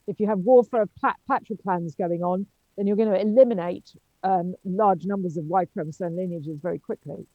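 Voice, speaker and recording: A woman's voice: on the low side, a little fast, dry recording, phone-quality sound. A woman chairing an academic seminar. She speaks hesitantly, with many ums and restarts. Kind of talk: academic discussion.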